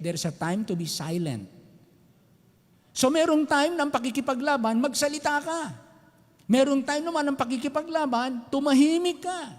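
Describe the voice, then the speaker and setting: Man preaching, high voice, animated, long hall reverb. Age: older. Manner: animated preaching, mixing Tagalog and English. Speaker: pastor. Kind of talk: sermon. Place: church sanctuary.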